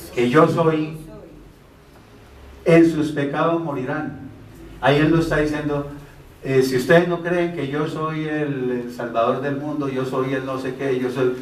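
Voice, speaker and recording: A male preacher works through scripture at an unhurried, measured pace, his voice sitting a touch high for a man. He poses questions to the room and answers them himself, rephrasing each verse. The sound is roomy and picked up from some distance away in a church hall. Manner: explains verses step by step, rephrasing. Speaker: preacher teaching a Bible class. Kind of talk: Bible teaching sermon.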